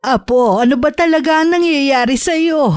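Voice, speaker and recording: A woman playing a worried, tender grandmother in a horror audio drama, coaxing her grandchild gently. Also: high-pitched, moderate pace, no echo, soft background music, voice pushed up, close to an everyday voice.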